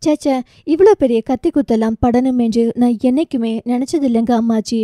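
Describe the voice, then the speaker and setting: A woman narrator voicing a gentle young woman who soothes and reassures her grandmother. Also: on the high side, fairly quick, no echo, studio quality, natural voice. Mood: consoling.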